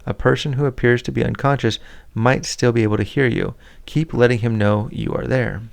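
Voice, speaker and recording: A man reading a first-aid handbook aloud in a plain, steady way, with small slips and restarts and the odd aside. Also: mid-range voice, brisk, creaky. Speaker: reader of a scout handbook.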